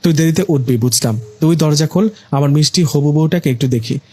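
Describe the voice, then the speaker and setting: A man's voice: a little high, brisk, dark tone, natural voice. A man voicing a middle-aged mother who is bossy, pushy and eager for her son's wedding. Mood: scolding. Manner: scolding, pushy.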